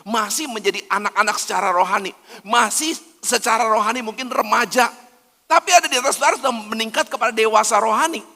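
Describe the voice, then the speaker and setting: A man's voice: high voice, fast, bright, forceful tone. A male pastor, preaching emphatically and constantly calling on his listeners as brothers and sisters. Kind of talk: sermon. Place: church hall. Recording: long church hall reverb.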